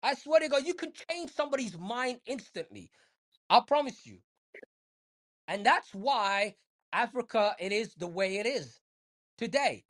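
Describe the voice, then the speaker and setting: A woman's voice: fairly high pitch, expressive, unhurried, pauses often. A woman in casual podcast chat, emphatic and profane, repeating her points to drive them home.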